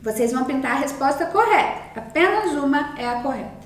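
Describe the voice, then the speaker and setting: A woman's voice: high voice, animated. A Brazilian woman teaching a recorded lesson to young children, explaining patiently and repeating herself often. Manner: slow, patient explaining with many repetitions. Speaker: primary school teacher. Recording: roomy sound, mic at a distance.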